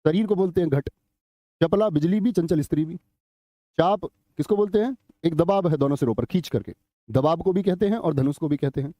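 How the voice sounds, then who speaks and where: A man's voice: on the high side, fairly quick, warm tone, dry recording. A middle-aged man teaching a live online grammar class, chatty, telling anecdotes and quizzing students.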